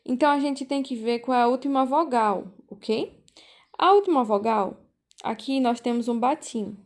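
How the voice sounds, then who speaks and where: A woman teaching a language class over a video call, explaining slowly and patiently, repeating key points and checking in with the students. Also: fairly high pitch. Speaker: volunteer teacher.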